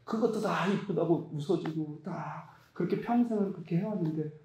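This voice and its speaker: A man's voice: normal speed, echoey room, a little hiss or hum. A man preaching a sermon, telling a story with emphatic, rising delivery. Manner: storytelling, emphatic, rising to high excited pitch. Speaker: pastor.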